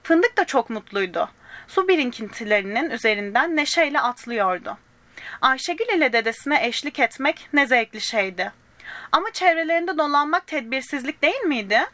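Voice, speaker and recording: A high-voiced woman reads a children's storybook in an animated, brisk, yet gentle way, speaking right to young listeners and doing small character voices. The recording has no echo.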